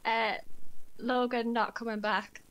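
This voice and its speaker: Woman player; very slow delivery, blunt and offhand, middle pitch. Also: level tone, a bit bright, clean tone, low-quality recording. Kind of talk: casual chat.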